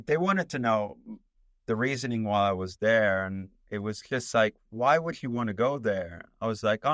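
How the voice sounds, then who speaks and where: An Italian documentary filmmaker, a native Italian speaker, recounts a travel story in an interview, rambling with lots of fillers and restarts. His voice sits on the low side, recorded cleanly in a studio with no echo.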